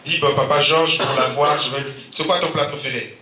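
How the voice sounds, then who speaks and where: Loud music sits behind this pastor's sermon in a church hall, where he's captured from afar amid echo. He has a cold and sore throat, a Central African French accent, and a habit of calling amen and alleluia. His voice is fairly high with a steady tone and moderate pace.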